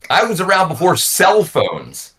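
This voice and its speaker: A man's voice: sits high, wildly swooping pitch, measured pace, bright, forceful tone. A man in his forties, a YouTuber guest in a casual talk, who rambles and repeats words as he thinks. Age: 40s. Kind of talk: casual conversation.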